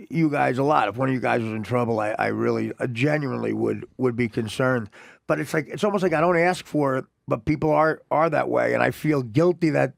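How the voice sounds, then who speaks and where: A man talking as a guest on a talk show, halting and searching for his words as he speaks candidly. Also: mid-range voice, vocal fry, dry recording.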